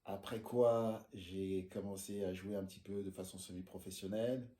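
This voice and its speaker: Deep-voiced man, hesitant, many fillers. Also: steady tone, normal speed, warm tone, reverberant. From France. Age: 40s. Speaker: osteopath and interview guest. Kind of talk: casual interview. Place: his osteopathy practice room.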